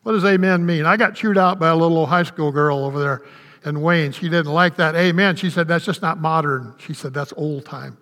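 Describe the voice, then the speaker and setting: An older man preaching a sermon as a pastor, folksy and conversational, with quick asides to the congregation. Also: on the high side, steady tone, a bit bright. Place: church sanctuary. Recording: long reverb of a church hall.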